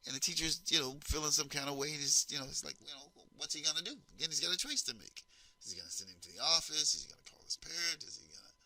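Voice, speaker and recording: Gravelly, forceful St. man. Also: on the high side, fast, dry recording, rough recording. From west side of St. Louis, USA. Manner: animated storyteller, emphatic, repeats himself. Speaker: school district trainer. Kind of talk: anecdotal training talk.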